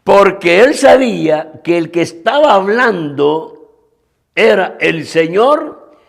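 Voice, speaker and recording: A male pastor delivers a sermon in a high, gravelly voice with a lot of lift and fall in his pitch. He speaks slowly and earnestly, addressing his listeners directly and often repeating phrases or restarting a line mid-thought. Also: sing-song.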